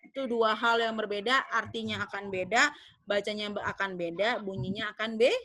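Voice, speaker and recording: A young woman teaching English pronunciation in a class, drilling words slowly and checking that students follow. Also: medium pitch, steady tone, bright, forceful tone, soft background music. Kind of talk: online pronunciation lesson.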